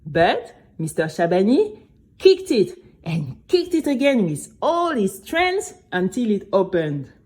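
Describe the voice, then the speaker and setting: A woman plays a spirited young girl telling friends about her adventure in a chatty, dramatic first-person audio story, animated, excited and addressing listeners directly. Her voice is mid-range and slow, with a breathy edge and an exaggerated delivery.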